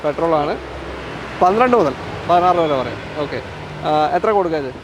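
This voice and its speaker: A man's voice: fairly high pitch, expressive, brisk. A man with a Kerala Malayalam accent hosts casually, mixing English car terms into Malayalam and repeating answers back to confirm them. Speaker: host of a used car video show. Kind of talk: casual presenting and questioning. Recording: outdoor street noise, faint traffic.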